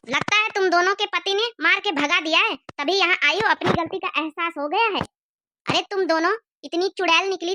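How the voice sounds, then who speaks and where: A woman's voice: very high voice, pushed and bright, voice pushed up. A woman voicing an aged mother who scolds her grown daughters for neglecting her, then comforts them. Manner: scolding, reproachful.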